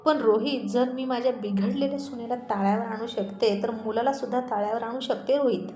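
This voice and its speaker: A woman voicing a wise, caring mother-in-law who speaks calmly but firmly. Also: on the high side, brisk, lightly acted. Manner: calm, firm, admonishing. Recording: roomy echoey recording.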